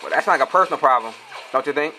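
Excitable, swearing young gamer man. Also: mid-range voice, rapid-fire, slight background noise. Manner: excitable, profane trash talk. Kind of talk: gameplay commentary.

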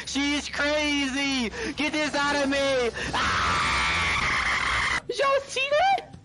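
Young male horror streamer, panicked gamer yelling, high-pitched, wildly animated, slangy reactions. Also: drawn-out words. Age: young adult. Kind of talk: loud reaction commentary, slangy. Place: small indoor streaming room. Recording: noisy, overdriven shouting over game audio.

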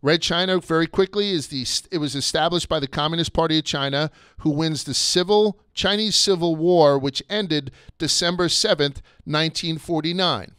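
A man's voice: fairly high pitch, normal speed, few pauses, a bit bright, clear, resonant tone, no room sound, studio quality. A man hosting a casual history podcast, chatty and crude, going off on tangents. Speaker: podcast host.

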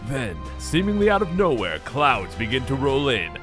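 A man's voice: medium pitch, very animated, moderate pace, over music. A man giving a mock-dramatic storybook reading in a hammy, overacted stage-actor manner, with exaggerated exclamations. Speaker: video creator, narrator.

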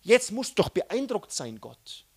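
A man preaching a sermon, animated, swinging between loud outbursts and soft, hushed asides. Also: sits high, unhurried, husky. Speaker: pastor.

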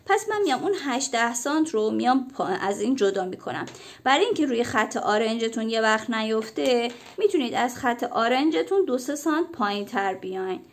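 Woman with a cold teaching sewing. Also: fairly high pitch. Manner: step-by-step explaining, chatty with viewers. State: has a cold. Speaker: sewing instructor. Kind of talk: casual tutorial.

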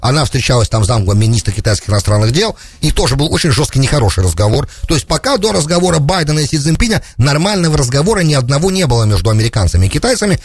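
Very animated and rapid-fire with hardly any pauses, a middle-aged radio host riffs on politics in a husky mid-range voice. He's close-miked on a studio broadcast mic on a boom arm, there's no echo, and English terms keep popping up in his speech.

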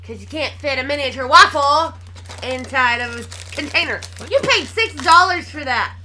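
Grumpy co-host: a woman griping bluntly through a face mask, bright, lively voice. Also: high voice, moderate pace, slight background noise. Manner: blunt, grumbling complainer. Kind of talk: casual chat.

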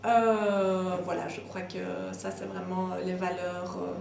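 A woman's voice: fairly low pitch, little pitch movement, slow, gravelly, darkish tone, slight background noise. A middle-aged woman answering interview questions with eager enthusiasm, speaking in a small room. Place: small room with brick wall. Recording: echoey room, mic at a distance.

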